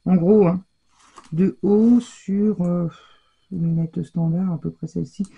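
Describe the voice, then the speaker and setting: Husky, low-voiced woman chatting through a craft haul. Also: steady tone, takes it slowly, muffled recording. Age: middle-aged. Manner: chatty, hesitant, full of fillers and self-corrections. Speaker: crafting vlogger showing a shopping haul. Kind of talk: casual haul presentation.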